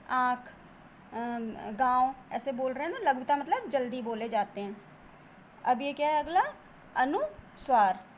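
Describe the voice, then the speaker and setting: A woman teacher explaining grammar to children, asking them questions and answering them herself, and drawing out example sounds slowly. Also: high voice, darkish tone, a little hiss or hum.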